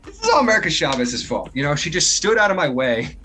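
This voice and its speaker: A man hosting a podcast, reviewing a film in casual chat, rambling and excitable with swearing. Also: on the high side, fast talker, soft background music. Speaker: podcast host.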